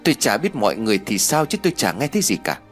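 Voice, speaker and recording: A man's voice: lowish voice, very animated, very fast, faint music behind. A man voicing a stern old village sorceress. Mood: dismissive. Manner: curt, commanding.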